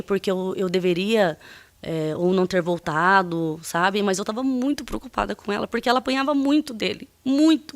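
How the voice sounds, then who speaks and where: A woman giving emotional courtroom testimony, halting and full of restarts. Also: mid-range voice. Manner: emotional, voice rising as she recounts. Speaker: defendant testifying at a hearing.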